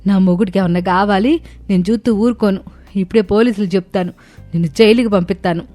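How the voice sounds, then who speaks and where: A woman voicing a scheming, loud, accusing middle-aged village mother-in-law. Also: medium pitch, fast talker, soft background music, natural voice.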